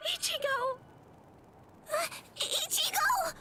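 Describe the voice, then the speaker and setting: A woman playing a gentle, frightened young healer in a game cutscene, pleading and tearful. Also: very high voice, sing-song, slow, slight background noise, exaggerated voice, poor audio. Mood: desperate.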